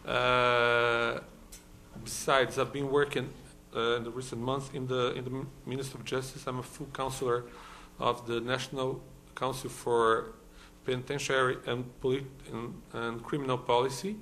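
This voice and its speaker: Audio quality is poor here, with a little hiss or hum, as a Brazilian law professor addresses a conference hall. His medium-pitched voice is flat, pushed and bright at a moderate pace, and his accented speech is hesitant with many fillers and restarts.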